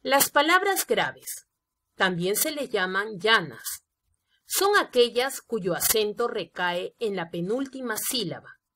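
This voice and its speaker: A woman teaching a grammar lesson to students in a slow, careful, scripted way, speaking to them directly. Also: medium pitch, big pitch swings, sharp tone. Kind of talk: scripted Spanish lesson narration.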